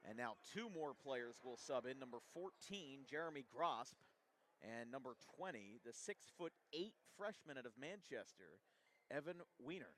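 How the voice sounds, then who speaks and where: A man calling a college basketball game play by play, his calls rising sharply on made shots and settling into steady stat reading between plays. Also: mid-range voice, normal speed. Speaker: play-by-play commentator.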